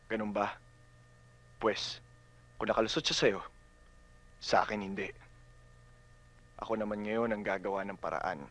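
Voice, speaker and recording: A man's voice: fairly low pitch, steady tone, unhurried, long pauses, fairly bright tone. An actor playing a scheming male rival who speaks in a sly, menacing way in a film. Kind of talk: film acting.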